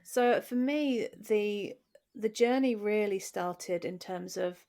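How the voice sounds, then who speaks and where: An Englishwoman in her forties co-hosts a podcast, candidly and reflectively sharing her own story in conversation and often restarting phrases. Her mid-range voice is mellow, and she takes her time.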